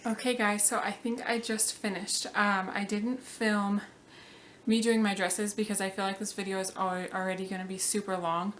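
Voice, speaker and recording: A woman's voice: medium pitch, little pitch movement, moderate pace, fairly bright tone, a little hiss or hum. A young woman from Colorado, chatting casually through a home organizing vlog with frequent ums and likes. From Colorado, USA. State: slightly out of breath. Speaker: vlogger.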